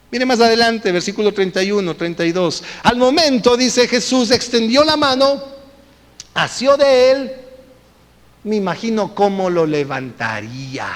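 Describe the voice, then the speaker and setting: A male pastor preaching a sermon, telling stories and drawing the congregation in. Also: high voice. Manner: lively storytelling with congregation interaction. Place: church. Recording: echoey church hall.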